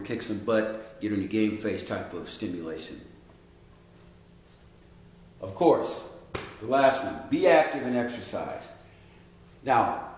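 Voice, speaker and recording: Folksy man in a very echoey room. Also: medium pitch. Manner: folksy, direct, addresses listeners as guys. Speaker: health coach. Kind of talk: educational monologue.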